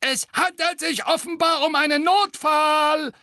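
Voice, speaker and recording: A man voicing a mocking stone gargoyle with a shrill, sneering voice, in an audiobook. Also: fairly even intonation, unhurried, sharp tone, no echo, clean studio sound, exaggerated voice.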